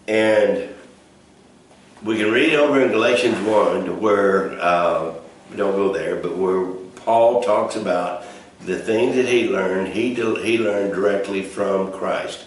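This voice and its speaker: Low-voiced pastor in an echoey room. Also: male voice, takes it slowly. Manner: folksy, rambling, with many fillers and restarts. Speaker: pastor leading a Bible study. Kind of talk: casual teaching. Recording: echoey room from a distant mic, faint noise.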